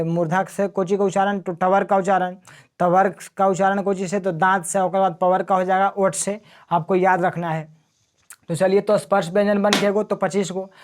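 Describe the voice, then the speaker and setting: A man teaching a grammar lesson, repeating sounds and answering his own questions in drills. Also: high-pitched. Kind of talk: classroom grammar lesson with call-and-response drills.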